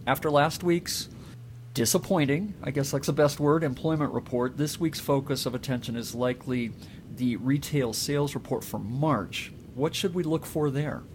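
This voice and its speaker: A man's voice: mid-range voice, normal speed, a little mellow, a little hiss or hum. A man hosting an interview, asking conversational questions of a guest. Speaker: host.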